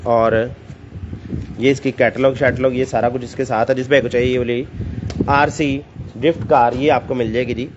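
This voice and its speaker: A man with a Pakistani Punjabi accent giving an informal live sales pitch, enthusiastic and repetitive like a teleshopping seller. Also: little pitch movement, moderate pace. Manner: enthusiastic, repetitive teleshopping-style hawking with catchphrases. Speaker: live online seller of assorted stock. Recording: dull lo-fi audio with clear background noise.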